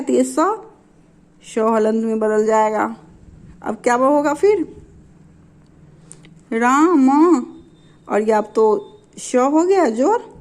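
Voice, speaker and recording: A woman gives a patient grammar lesson in a fairly high voice. She speaks slowly and spells out each rule step by step. She repeats the examples and keeps asking questions that she then answers herself. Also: a little mellow. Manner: asks and answers her own questions, adds "isn't it?" checks. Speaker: teacher.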